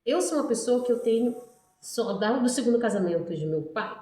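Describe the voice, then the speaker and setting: Her voice is on the high side, quick and animated, with a dark tone: a middle-aged Brazilian hairdresser from Ceará who grew up in Pará. Chatting to her followers in a loose, wandering monologue, she keeps throwing in "né" and speaking straight to viewers. It's recorded from afar in an echoey spot near a busy street.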